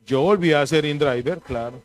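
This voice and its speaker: A pastor preaches in a loose, conversational way. His voice sits high for a man, and he tells animated stories with a joking edge. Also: brisk. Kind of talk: conversational sermon.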